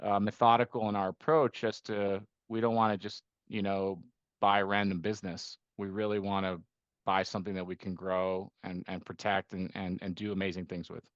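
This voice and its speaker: A man's voice: low voice, level tone, moderate pace, dry recording, dull audio. A middle-aged man who grew up in Costa Rica, talking through his investment work as a podcast guest, with many restarts and rhetorical "right?" tags. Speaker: guest, investment firm managing partner. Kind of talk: conversational podcast interview.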